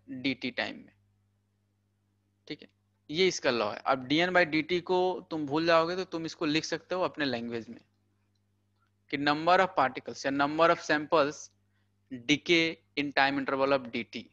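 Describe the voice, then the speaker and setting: A man's voice: on the high side, fairly bright tone, dry recording, highs cut off. A young man teaching physics in a casual lecture, chatty and full of filler words, using everyday money examples. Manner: chatty, peppers talk with "thik hai" and "bhai". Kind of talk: casual Hindi lecture for exam prep.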